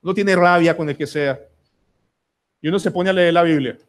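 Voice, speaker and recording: A man's voice: on the high side, moderate pace. A Colombian man preaching a sermon as pastor, emphatic and pleading, putting question after question to the congregation. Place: church sanctuary.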